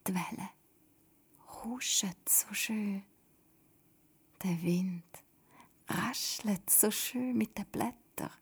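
A woman voicing a dreamy, calm woman who whispers slowly and softly. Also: medium pitch, husky, full character voice. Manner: slow, soft, far-off whisper. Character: dreamy calm woman lost in the night sounds.

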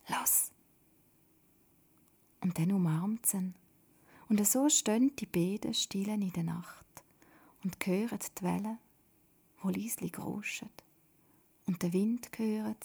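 Brief: woman narrator, whispered storytelling, breathy and husky. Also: medium pitch, mellow.

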